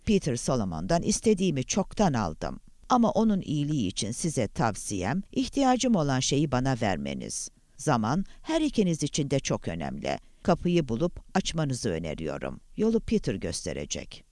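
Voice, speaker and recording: A man's voice: medium pitch, normal speed, few pauses, no echo, clean studio sound. A man reading as a smug, menacing kidnapper. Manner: calm, taunting, formal. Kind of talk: audiobook character voice.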